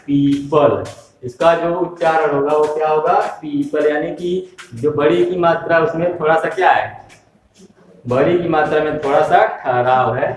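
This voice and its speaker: The recording carries a slight hiss or hum, with the man's somewhat high, steady voice coming from a distance in an echoey space. At a normal pace, he teaches primary-level Hindi step by step, spelling out letters and asking questions only to answer them himself.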